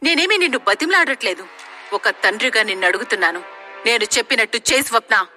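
A woman's voice: a little high, steady tone, brisk, pushed and bright, soft background music. A woman doing a stern village priest father. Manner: stern, admonishing.

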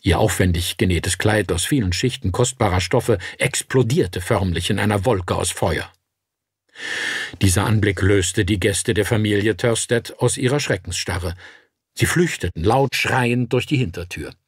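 Husky guy reading a dark fairy tale, measured and dramatic, dead dry. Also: lowish voice, dry recording. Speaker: audiobook narrator. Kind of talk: scripted audiobook narration.

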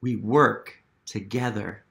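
Speaking slowly and steadily, this American man in his thirties has a lowish, creaky, slightly bright voice. As a museum literacy educator, he leads a children's storytime from a small home living room, posing questions and cheering on young listeners.

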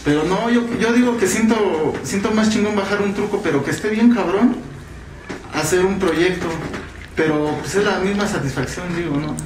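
A high-voiced man in his thirties with a Mexican accent, slangy and animated. His voice echoes in a noisy room. He chats in a loose, swearing style. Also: normal speed. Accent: Mexican Spanish. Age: 30s. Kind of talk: casual interview answer. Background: noise.

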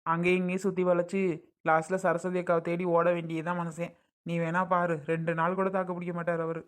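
A woman's voice: fairly low pitch, level tone, quick pace, close to an everyday voice. A woman playing a chatty neighbor gossiping about family troubles in a family skit.

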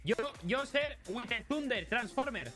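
A man voicing a robot who speaks in halting, broken phrases in a game roleplay. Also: very high voice, expressive, pushed and bright, soft background music, exaggerated voice. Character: male robot claiming to be a transforming machine.

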